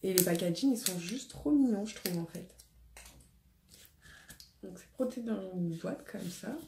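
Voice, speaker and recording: A woman's voice: mid-range voice, animated, unhurried, gravelly. Chatty woman in echoey room. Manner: chatty, hesitant, many fillers, shows products. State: slight cough after illness. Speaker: beauty vlogger. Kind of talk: casual haul video. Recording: echoey room, faint noise.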